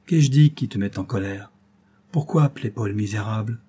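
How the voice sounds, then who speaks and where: A man's voice: fairly low pitch, moderate pace, dark tone, breathy edge. A male audiobook reader voicing a passionate young woman, the rich daughter of a banker, speaking with exalted, dreamy insistence. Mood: worried.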